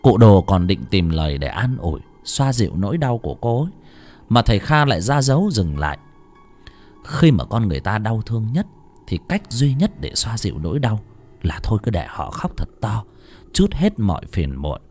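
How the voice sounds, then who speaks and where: A man narrating a story in a dramatic, expressive way. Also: fairly low pitch, normal speed, soft background music. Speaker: audiobook narrator.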